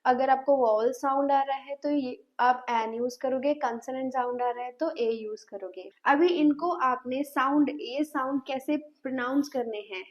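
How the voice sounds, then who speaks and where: A woman's voice: high voice, normal speed, hardly any pauses. A woman teaching an English grammar lesson, asking her class questions and repeating sounds patiently. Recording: dull lo-fi sound.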